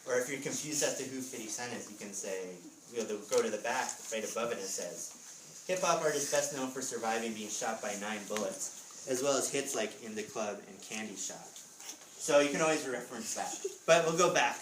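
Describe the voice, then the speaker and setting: An author reads from his own book at a school readers theatre, giving an expressive storybook performance sprinkled with chatty, casual asides. His medium-pitched voice moves briskly, and the distant mic catches a roomy echo plus background noise.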